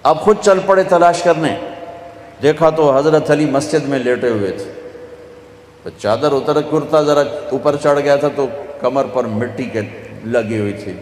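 A man's voice: mid-range voice, darkish tone. A man with a Pakistani Punjabi accent preaching a sermon, telling stories and acting out the dialogue himself. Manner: storytelling, acts out dialogue, switches into Punjabi for punchlines. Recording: echoey hall, faint ambience.

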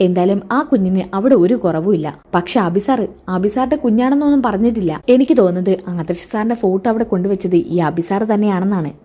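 A woman playing an earnest male informant in a retold serial, explaining with eager helpfulness. Quick and mellow. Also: mid-range voice, close to an everyday voice.

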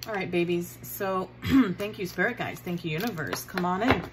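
A woman's voice: on the low side, moderate pace, heavy background noise. A woman giving a casual tarot reading, chatting affectionately to her viewers and repeating the signs and card names as she goes. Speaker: tarot reader.

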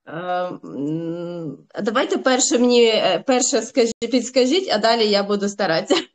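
A woman's voice: medium pitch, expressive, moderate pace. A woman student in an online class, hesitantly and carefully reciting verb forms over a lagging video call. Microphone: video call with lag.

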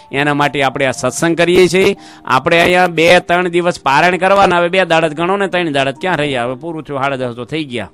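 A man's voice: a little high, a bit bright, clear, resonant tone. A man, a monk giving a sermon to a seated gathering and telling anecdotes. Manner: storytelling, briefly acting out the people in his stories. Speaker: monk giving a religious discourse. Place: religious gathering before a seated audience.

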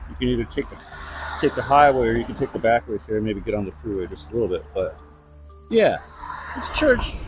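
A man's voice: medium pitch, poor audio. A middle-aged man rambling bluntly in a casual walk-and-talk vlog, recorded outdoors on a lapel mic. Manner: rambling, chatty, blunt asides. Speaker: vlogger. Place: outdoors on suburban streets. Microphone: lavalier mic.

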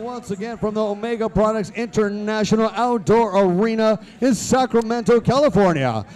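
Booming high-pitched male boxing ring announcer. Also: a little mellow. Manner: booming, theatrical, stretching out names like a lucha libre announcer. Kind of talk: formal boxing ring announcing with drawn-out fight introductions. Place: outdoor arena, in a boxing ring. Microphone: handheld microphone over PA. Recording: PA announcement heard from a distance.

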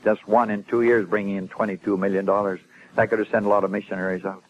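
A man's voice: lowish voice, little pitch movement, fast, dull audio, a little hiss or hum. A man giving an informal sermon to a congregation, emphatic, with frequent stammered restarts and rising swells of emphasis. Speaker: preacher and former Bible translator.

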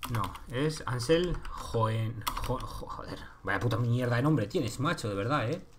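This livestreaming gamer from Spain has a mid-range, animated voice and talks a little slowly over background noise. He chats casually with his viewers and himself while playing, swearing freely, as keyboard typing and clicks sound behind him.

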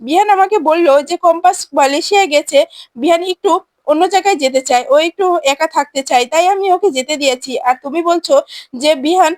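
A woman's voice: extremely high pitch, fast, no room sound. A woman doing a jealous, vengeful young woman. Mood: shocked. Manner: angry, threatening.

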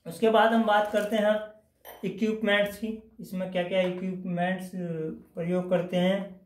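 A man with a high voice gives a whiteboard lesson. He talks through each step slowly and repeats key phrases. His voice rings in an echoey room. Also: little pitch movement. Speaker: teacher. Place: indoors at a whiteboard.

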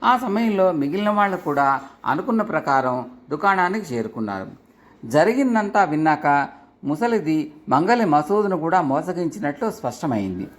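A man narrating a folk tale in an expressive storybook reading. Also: on the high side, normal speed.

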